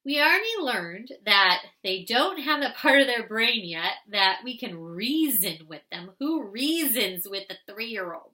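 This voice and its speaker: A woman giving parenting advice in an animated way, asking rhetorical questions and acting out parent and child. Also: on the high side, measured pace, hardly any pauses. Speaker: parenting educator.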